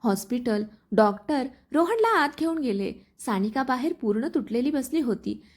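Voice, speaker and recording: A woman tells a dramatic love story, her voice pitched high and rising and falling vividly. She narrates in an expressive storybook manner. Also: moderate pace.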